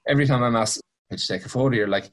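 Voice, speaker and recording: A man's voice: mid-range voice, rapid-fire. A man with a west of Ireland accent chatting casually and giving his opinions in a colloquial, anecdotal way.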